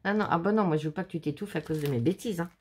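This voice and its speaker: A woman's voice: fairly low pitch, very fast, darkish tone, husky. A woman from France, hosting a casual show-and-tell of handmade cards at home, chatty and gushing as she talks to her viewers. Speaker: scrapbooking channel host.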